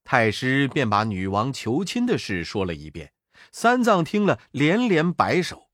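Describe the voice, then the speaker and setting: A man narrating a children's story in a lively, expressive way. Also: mid-range voice, measured pace, no echo, studio quality.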